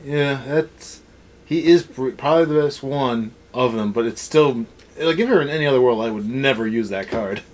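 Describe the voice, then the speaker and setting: Blunt and dismissive, a male co-host of a card game anime review rants through a casual, opinionated discussion in a mid-range voice at normal speed.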